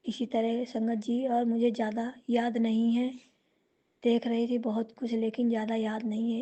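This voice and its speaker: A woman sharing a devotional testimony, speaking slowly and reverently and chanting mantras. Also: fairly high pitch, warm tone.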